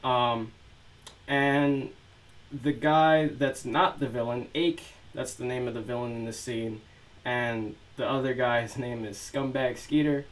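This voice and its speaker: A man's voice: medium pitch, slow, poor audio. A man chatting casually with many fillers before reading an excerpt of his own novel aloud. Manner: relaxed, filler-heavy chat. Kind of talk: casual chat, then reading prose aloud.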